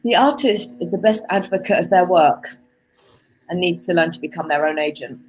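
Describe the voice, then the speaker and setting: A woman's voice: lowish voice, normal speed, poor audio. A woman speaking as an interview guest in a casual, reflective way, thinking aloud as she goes. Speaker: interview guest, author on art marketing.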